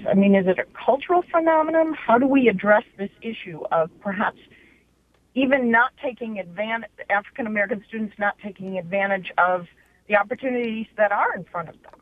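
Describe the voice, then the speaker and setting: A woman's voice: a little high, lively intonation, a little fast, dry recording. Radio call-in woman, 40s, heard over a tinny phone line, speaks earnestly with a dry, close sound. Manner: earnest, questioning. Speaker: radio show caller. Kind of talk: call-in question on a talk radio show.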